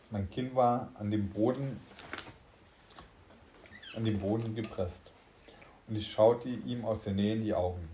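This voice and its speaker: A man's voice: fairly low pitch, mellow, roomy sound, a little hiss or hum. A man reading a science fiction story aloud in German, unpolished, with slips and restarts. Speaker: story reader.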